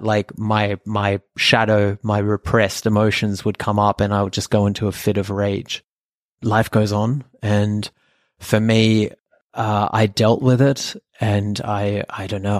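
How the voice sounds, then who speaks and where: A man in his thirties from Australia, whose first language is German, co-hosts a podcast and tells his life story earnestly and reflectively, with many fillers. His voice is fairly low, and the studio-quality recording has no echo.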